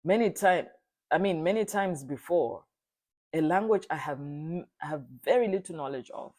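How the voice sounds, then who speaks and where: A speaker from Zambia giving an earnest, solemn personal testimony, sometimes halting and restarting. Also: mid-range voice, lively intonation, darkish tone. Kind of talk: reflective spoken testimony.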